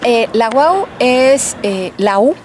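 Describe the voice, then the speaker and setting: A woman's voice: a little high, expressive, slow pace, darkish tone, a little hiss or hum. A woman professor, answering interview questions in a patient, teacherly way with many fillers. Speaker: linguistics professor.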